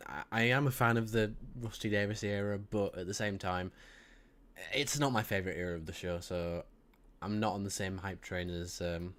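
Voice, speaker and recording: A man's voice: lowish voice, fairly even intonation, moderate pace, fairly bright tone. A man co-hosting a casual podcast chat, talking in a loose, rambling way. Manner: rambling, chatty. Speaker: co-host.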